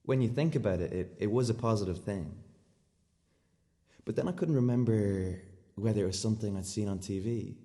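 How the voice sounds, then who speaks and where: In a radio play monologue, a male actor plays a rambling, confused, socially awkward man earnestly confessing odd thoughts, stumbling and correcting himself as he goes. His voice is very low and dark, lightly acted, and echoes in a long reverberant space.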